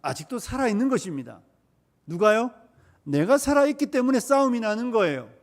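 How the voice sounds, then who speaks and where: High-voiced male pastor preaching. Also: very animated, brisk. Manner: rhetorical questions and emphatic repetition. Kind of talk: sermon.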